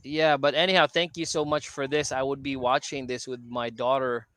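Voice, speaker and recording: A man's voice: medium pitch, level tone, normal speed, a bit bright, no room sound. A middle-aged man from the Philippines tutoring English over a video call, chatty and explanatory, peppering his talk with "you know" and "right?". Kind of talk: casual conversation lesson.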